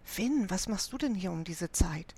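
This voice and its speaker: Eine Frau, die in einem Hörbuch einen jungen, beschützenden Ritter spricht, leise und drängend. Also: female voice, on the low side, expressive, unhurried, mellow, slightly rough, exaggerated voice. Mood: hushed urgent. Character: young male knight, protective and urgent.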